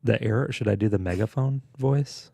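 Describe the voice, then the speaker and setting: A middle-aged man with a low, gravelly voice chats loosely as a dad co-hosting a sports podcast. He is playful and easygoing, tossing in asides and fillers. The sound is close and dry. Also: moderate pace, mellow, no echo. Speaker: podcast co-host and father. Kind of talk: casual chat.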